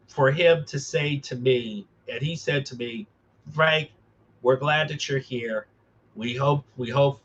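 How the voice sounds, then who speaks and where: A man talking earnestly as a podcast host, emphatic and halting, often repeating his phrases. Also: medium pitch, fairly bright tone, lo-fi sound. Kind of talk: earnest conversational talk.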